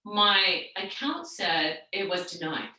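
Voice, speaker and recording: A middle-aged woman teaching a yoga class, telling a story in a rambling, chatty way and then guiding the class gently into a seated relaxation. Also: mid-range voice, animated, slow pace. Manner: rambling, chatty storytelling with many restarts and fillers. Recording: very echoey room, far from the mic.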